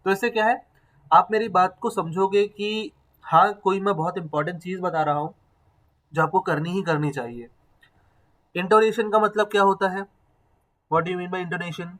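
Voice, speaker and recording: High-voiced man teaching a class. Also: fairly even intonation, normal speed, long pauses, fairly bright tone, low-quality recording. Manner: explains step by step, asks the class questions, mixes in English phrases. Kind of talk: classroom lecture.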